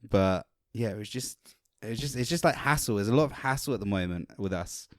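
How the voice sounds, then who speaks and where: A man with a fairly low voice co-hosts a podcast in loose, rambling chat. He swears casually and keeps things relaxed. The recording is dry and close. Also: a little fast, dry recording. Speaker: podcast co-host. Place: hot indoor room.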